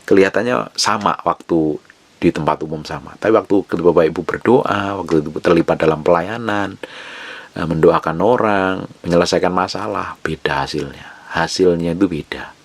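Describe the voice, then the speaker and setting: A man preaching a sermon in a conversational way, now and then dropping to a soft, hushed voice to model a prayer. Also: low-pitched, moderate pace, creaky. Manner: conversational preaching, drops to a soft whisper when quoting prayers. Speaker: pastor.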